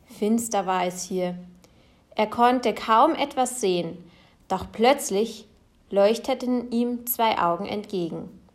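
A woman reading a children's picture book aloud in a slow, expressive way. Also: medium pitch. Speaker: storyteller.

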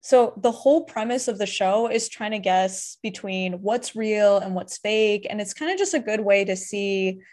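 Young woman, podcast co-host, casual chat, animated, swearing, frequent laughter. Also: medium pitch, moderate pace, hardly any pauses.

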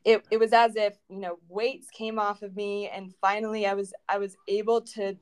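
A woman shares her faith testimony in a relaxed interview, speaking in an ordinary mid-range voice. She is earnest and halting, circling back over phrases and filling gaps as she goes. The sound is dry and close, with no room echo. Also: mid-range voice, clear, resonant tone. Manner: earnest, halting, full of restarts and fillers. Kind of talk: personal conversational testimony.

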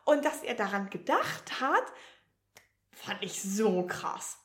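A woman's voice: mid-range voice, slow. A young woman co-hosting a podcast, chatting casually and acting out quoted dialogue as she tells stories. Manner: animated storytelling, acts out quoted dialogue. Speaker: podcast co-host. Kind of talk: casual chat. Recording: roomy echo.

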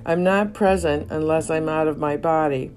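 A woman's voice: low voice, steady tone, normal speed, darkish tone. Woman narrator, reflective memoir reading, poetic delivery, faint guitar underneath. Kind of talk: reading a personal memoir aloud. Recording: faint guitar music behind.

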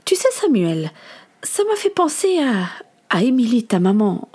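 A woman reading aloud, voicing a gentle aunt who speaks softly and coaxingly. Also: a little high, sing-song, measured pace, breathy edge, pitched above the performer's own voice, heavily acted. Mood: tender. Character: gentle caring aunt, middle-aged woman.

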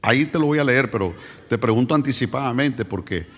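Man, pastor, sermon, mid-pitched voice, questions the congregation, bursts into sung shouting, long hall echo. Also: lively intonation, a little fast, slightly rough. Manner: fervent preaching that swells into shouted, sung-out lines; asks the congregation direct questions.

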